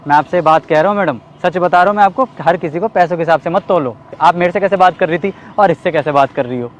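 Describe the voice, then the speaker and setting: A young man hosting a staged street skit, earnestly lecturing and pleading for calm, outdoors on a city street. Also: fairly high pitch, quick pace, highs cut off, a little hiss or hum. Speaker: prankster host of a street skit. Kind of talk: scripted street confrontation skit.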